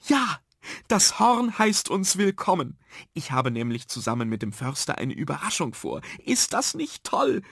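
A man voicing an enthusiastic female schoolteacher in a children's storybook, with an excited, gushing manner. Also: high voice, normal speed, breathy edge, dry recording, studio quality, pitched above the performer's own voice, exaggerated voice. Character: cheerful enthusiastic woman schoolteacher.

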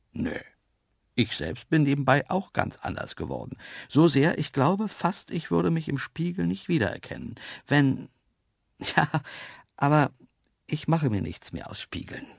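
A man narrating a children's story in the first person, lively and playful, with hushed asides. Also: mid-range voice, creaky, breathy edge, no room sound, clean studio sound. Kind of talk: storybook reading.

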